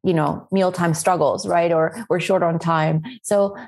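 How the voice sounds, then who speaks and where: A woman's voice: lowish voice, fairly even intonation, measured pace, darkish tone, slight background noise. Chatty woman from Spain, podcast guest. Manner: chatty, many fillers and "right?" tags. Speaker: guest, meal-planning website founder. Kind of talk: casual podcast interview.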